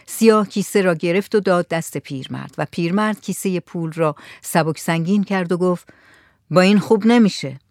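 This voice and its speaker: A woman narrating an audiobook in a measured, even storytelling manner. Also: fairly low pitch, no room sound, studio quality.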